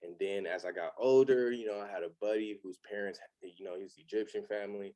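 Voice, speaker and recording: A man's voice: fairly low pitch, steady tone, fast talker, dark tone. A man from Los Angeles in his thirties, a podcast guest talking candidly in a loose, rambling way with many fillers. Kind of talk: casual chat.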